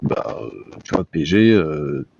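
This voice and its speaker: A man's voice: sits low, slow, gravelly, a little mellow, a little hiss or hum. A man in his forties hosting a casual tech discussion, hesitant with many fillers and restarts. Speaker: podcast host. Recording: dull lo-fi sound.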